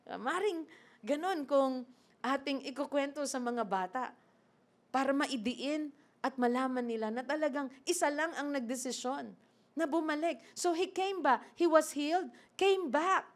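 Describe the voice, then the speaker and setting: Lively woman preaching. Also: high-pitched, a little slow. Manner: lively, acts out scripture, asks the congregation questions. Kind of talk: sermon mixing Tagalog and English.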